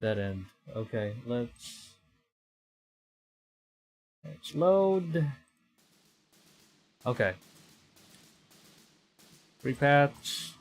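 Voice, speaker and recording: A man from the Philippines streaming a game, thinking aloud in a halting way and reading story text aloud. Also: medium pitch, very animated. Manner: halting, thinking aloud, stumbling over read lines. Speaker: VTuber streamer. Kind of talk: live game playthrough commentary, reading visual novel text aloud. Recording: background game music. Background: game music.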